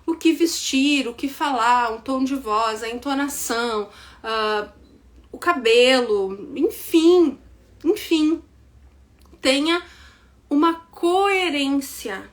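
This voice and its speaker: A woman with a bright, high voice and a southern Brazilian accent leads an online business lesson. She talks straight to her audience and keeps checking in with a quick "tá?". Now and then she acts out excuses in a quicker, higher voice. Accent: southern Brazilian, Rio Grande do Sul. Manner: direct, repeats points with "tá?" check-ins. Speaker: business mentor. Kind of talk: online class to women entrepreneurs.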